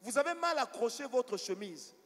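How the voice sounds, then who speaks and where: Pastor guy preaching, high voice, big echoey church hall. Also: animated, moderate pace, a bit bright. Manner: storytelling preacher, asks the congregation for responses. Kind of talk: sermon. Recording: long hall reverb.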